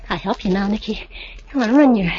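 A woman's voice: mid-range voice, lively intonation, fairly quick, background noise, close to an everyday voice. A woman playing a frightened pleading informer. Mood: coaxing. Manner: pleading, breathless and fearful. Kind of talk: 1940s radio acting. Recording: dull old radio broadcast recording.

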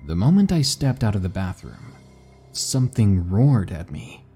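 A man narrating spooky stories in a slow, hushed, dramatic way. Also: fairly low pitch, big pitch swings, breathy edge, faint music behind. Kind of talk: scripted story narration.

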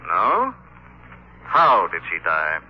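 The Shadow, looming and cold. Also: male voice, wildly swooping pitch, a little hiss or hum, full character voice. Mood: menacing. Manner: slow, looming, drops low on key words. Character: invisible menacing male avenger, commanding and cold. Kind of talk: 1930s radio drama acting. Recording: muffled old radio broadcast.

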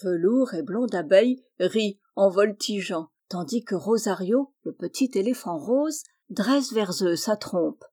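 A woman narrating a children's storybook aloud. Her delivery is clear and expressive, and her voice has a warm, mellow tone at a medium pitch. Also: measured pace, few pauses.

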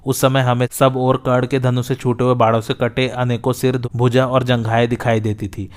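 Man reading an old epic tale, steady and level, smooth resonant voice. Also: mid-range voice, moderate pace. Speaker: narrator. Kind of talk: scripted epic storytelling narration.

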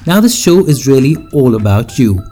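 A man's voice: medium pitch, sing-song, normal speed. A man, hosting a radio grammar show with an upbeat, scripted intro. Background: music bed.

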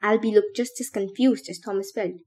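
Woman narrator, mellow warm tone, steady audiobook reading, medium pitch. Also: fairly quick. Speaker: podcast reader.

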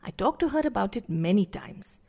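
A middle-aged woman narrating scripted parenting advice, speaking to the listener directly in a measured, explanatory way. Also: medium pitch, very animated, vocal fry, warm tone. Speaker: parenting podcast host.

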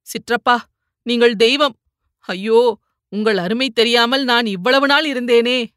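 A woman's voice: fairly high pitch, fairly even intonation, unhurried, a bit bright, dry recording, clean studio sound. A woman voicing a remorseful young man who pleads tearfully for forgiveness, in an audiobook reading. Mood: pleading.

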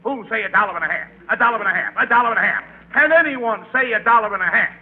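Brief: showy auction huckster; high, thin old broadcast sound. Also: male voice, fast, husky. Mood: salesy. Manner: showy sales patter. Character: smooth-talking male auctioneer, hustler. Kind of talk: 1940s radio acting. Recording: tinny old radio broadcast.

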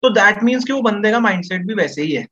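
A man's voice: sits high, expressive, brisk, bright, forceful tone, slightly rough, dull audio. A man talking as a podcast guest in a casual discussion, explaining at length with many fillers. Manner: explains at length, Hinglish mixing, frequent fillers.

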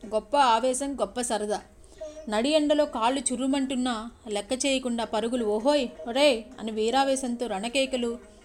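A woman's voice: a little high, fairly even intonation, moderate pace, soft background music. A woman telling a village story vividly, full of sound words, turning now and then to speak to her listeners. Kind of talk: story narration with asides to listeners.

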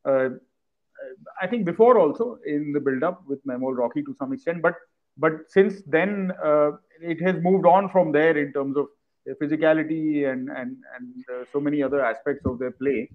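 A man's voice: a little high, moderate pace, narrow, tinny audio. A man with an Indian accent speaking as a guest in a casual panel discussion.

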